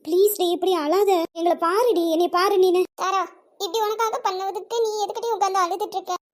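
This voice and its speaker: A woman's voice: very high-pitched, fairly even intonation, fairly quick. A woman voicing a caring young best friend in a cartoon, coaxing and soothing, with a Tamil accent. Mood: consoling.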